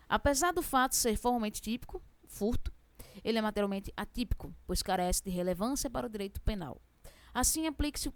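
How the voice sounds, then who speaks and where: In this exam prep lesson, a fast-talking young woman with a strong regional accent covers law for civil service tests, asking and then answering her own questions in a chatty way. Her voice sits a little high, and there's no room sound.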